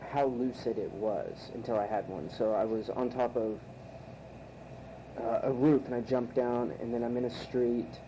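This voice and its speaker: A man's voice: mid-range voice, normal speed. A man around thirty telling a personal story in a hesitant, reflective way. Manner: hesitant, many fillers and restarts, reflective. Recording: muffled tape recording with noticeable hiss.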